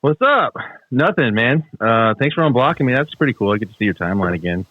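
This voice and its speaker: A man's voice: mid-range voice, sing-song, fast talker, dry recording. Man calling in on a phone-like line. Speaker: caller. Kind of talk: casual chat. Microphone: call-in connection. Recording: tinny phone-like call line.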